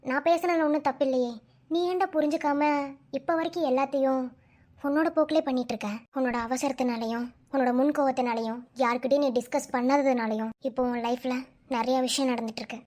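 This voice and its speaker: A woman's voice: high-pitched, fairly even intonation, quick pace, a little mellow, voice pushed down, natural voice. A woman voicing a stern young man in a cartoon who bluntly lectures his drunk friend.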